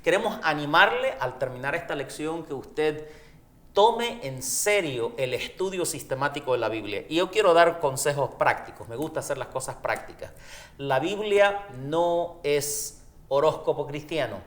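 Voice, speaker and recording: A man's voice: a little high, animated, normal speed, a bit bright. A man teaching a church Bible study in a plainly echoey room. He explains points with practical advice and livens them with humorous stories. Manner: affirming, humorous storytelling.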